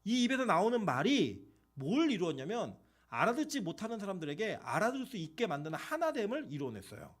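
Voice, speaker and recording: Male pastor, sermon, higher-pitched, very lively and questioning delivery. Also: quick pace. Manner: animated, conversational preaching with rhetorical questions and acted-out quotes.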